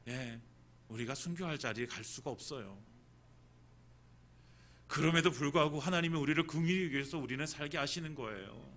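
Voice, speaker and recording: A male pastor preaching a Sunday sermon in a church, swinging between hushed, intimate lines and loud, emphatic calls. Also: medium pitch.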